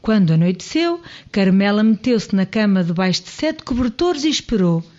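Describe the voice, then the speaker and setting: A woman narrating a children's story with expressive, swooping emphasis. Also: medium pitch, moderate pace. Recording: dull lo-fi radio audio.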